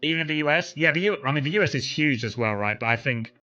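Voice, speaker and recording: A man's voice: a little high, lively intonation, quick pace, pushed and bright, muffled recording. A man from Kent with a mild southern English accent, chatting casually and telling rambling anecdotes as a streamer talking to viewers. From Kent, south-east England. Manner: rambling, conversational.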